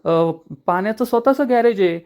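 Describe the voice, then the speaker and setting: Sheepish young husband, caught lying, pleading excuses, high voice, read by a man. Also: lively intonation, moderate pace, a little mellow, clean tone.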